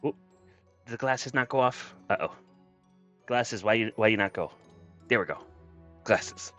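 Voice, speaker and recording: A streamer and VTuber chats casually on a livestream over background music, effusive and grateful, often thanking viewers. His fairly low, slightly bright voice is unhurried, and the audio sounds dull.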